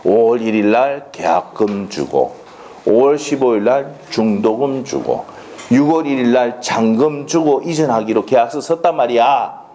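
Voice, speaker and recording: A man's voice: medium pitch, expressive, normal speed, dark tone, a little hiss or hum. A man with a Gyeongsang Korean accent giving a classroom law lecture, blunt and colloquial, constantly firing rhetorical questions and checking that students follow.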